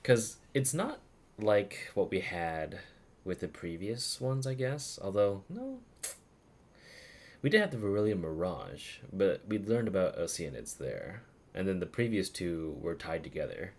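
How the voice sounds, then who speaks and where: A man's voice: sits low, big pitch swings, unhurried. A man streaming a video game, rambling casually with lots of fillers, swearing and laughter. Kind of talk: casual live commentary.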